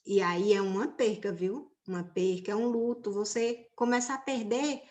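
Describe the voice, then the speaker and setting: A woman's voice: medium pitch, fairly even intonation, normal speed, darkish tone. A woman teacher giving an online religion class to teenagers, talking in a conversational way and often checking in with her students.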